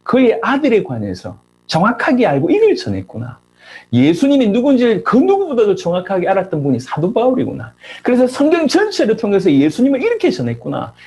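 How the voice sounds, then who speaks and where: A middle-aged man preaching a sermon as a pastor, firing off rhetorical questions and rising sharply in pitch for emphasis. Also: wildly swooping pitch, fairly quick, darkish tone, husky.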